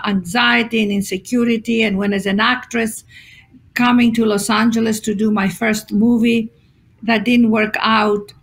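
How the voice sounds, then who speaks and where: A woman from Greece, a guest author telling stories in a conversational podcast interview and acting out the people she quotes. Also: a little high. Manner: expressive storyteller acting out quotes, many fillers.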